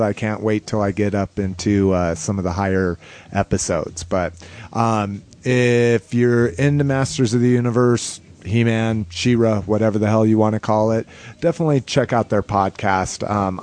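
A man's voice: fairly low pitch, a little mellow. A man hosting a podcast with casual, rambling, informal fan talk. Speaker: podcast host.

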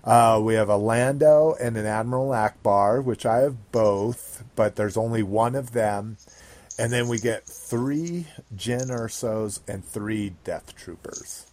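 A male podcast host with a low, dark voice and an unhurried pace. He rambles casually about his hobby and swears freely.

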